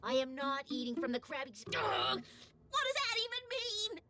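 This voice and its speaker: A woman voicing a grumpy, sharp-tongued girl inventor who snaps at people and keeps hiccuping. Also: extremely high pitch, very animated, moderate pace, full character voice. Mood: crabby. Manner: crabby, snappish. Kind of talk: cartoon voice acting. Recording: cartoon audio over loud music.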